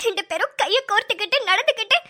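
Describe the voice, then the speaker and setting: A woman's voice: very high-pitched, animated, racing, pushed and bright, heavily acted. A woman voicing a jealous young ex-girlfriend in a cartoon, whiny and pleading. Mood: worried. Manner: whiny, pleading, self-pitying. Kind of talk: cartoon dialogue.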